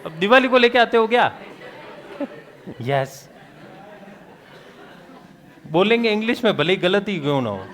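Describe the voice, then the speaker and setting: A male teacher lectures a class. He keeps throwing quick questions at the students and answers them himself, with jokes along the way. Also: high voice, sing-song, a bit bright, a faint crowd. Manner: jokey, laughs at his own remarks.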